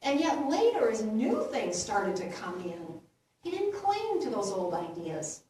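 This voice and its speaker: A woman minister giving a gentle, unhurried sermon, laughing lightly at her own jokes. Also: fairly high pitch, huge pitch swings, slight background noise. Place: church sanctuary. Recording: roomy echo from far off.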